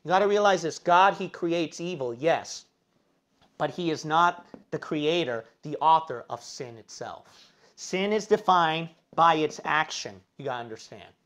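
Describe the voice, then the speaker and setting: A man's voice: a little high, expressive, measured pace, a bit bright. A man preaching a sermon, reading scripture aloud and pressing his points with repeated rhetorical questions. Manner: emphatic, fires rhetorical questions at listeners; reads scripture aloud in King James wording. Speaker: Bible preacher.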